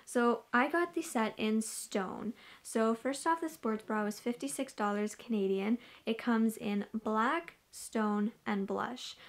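Chatty young woman reviewing gym clothes. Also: on the high side. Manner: chatty, repeats "really, really" and "like". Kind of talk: casual try-on review. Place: small wood-panelled bedroom.

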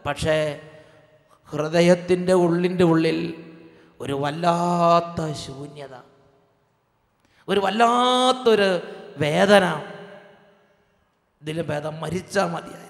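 A man, a priest, delivering a dramatic sermon, swinging from hushed tones to loud outbursts. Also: a little high, slow, vocal fry, pauses often. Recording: echoey hall.

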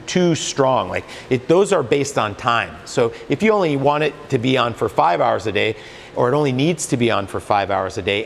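A Canadian man in his forties explains hot tub care to camera on a lapel mic at a spa supply store, earnest and full of fillers and restarts as he demonstrates products. His mid-range voice is gravelly and a bit bright. The large hall adds slight background noise.

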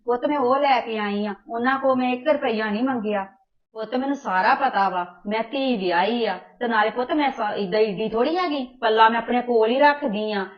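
A woman's voice: on the high side, close to an everyday voice. A woman playing a caring but scolding older mother who hurries her married daughter along. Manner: urgent, scolding yet tender. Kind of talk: amateur family drama acting. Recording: dull, muffled recording.

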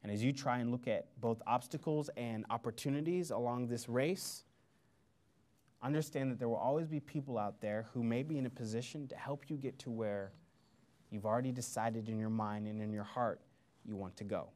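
A man from Missouri gives a motivational speech to a lecture audience. He tells his story with energy and acts out the quoted lines in lively voices. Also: medium pitch, normal speed. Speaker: guest speaker. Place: lecture hall before an audience.

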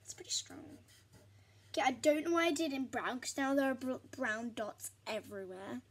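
A woman's voice: high-pitched, lively intonation, moderate pace, husky. A young woman chatting to herself in a rambling, giggly way as she works on a pastel drawing for her vlog. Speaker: vlogger. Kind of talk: chatty art vlog narration.

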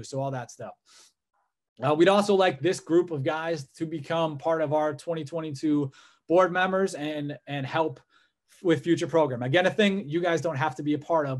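A man in his thirties hosts a video call from a room at home, voice sitting a little high. He rambles casually, restarting phrases and piling on fillers as he explains his plans. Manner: rambling, filler-heavy, gestures a lot. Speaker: host of a coaching network. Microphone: video call webcam.

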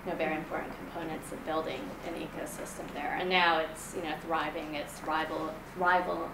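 A woman from Kenya in her forties, presenting to a room in a somewhat low, conversational voice full of ums and restarts. She is recorded from a distance, with an echoey room and clear background hum. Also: level tone, a little fast. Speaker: venture investor giving a talk. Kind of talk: conference presentation. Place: meeting room in front of a projector screen. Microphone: room mic from a distant camera. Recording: echoey room, far from the mic, audible room noise.

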